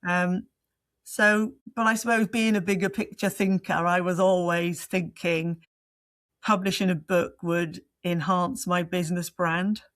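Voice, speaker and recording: A woman leadership coach answering interview questions in a reflective way, pausing often as she searches for her words. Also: on the low side, steady tone, fairly bright tone, no room sound.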